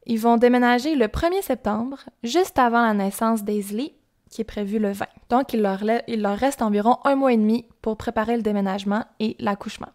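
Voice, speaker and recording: A woman's voice: fairly high pitch, a little fast, a little mellow. A young woman with a Québécois accent casually telling a true-crime story on a podcast, chatty and informal with asides. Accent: Québécois French.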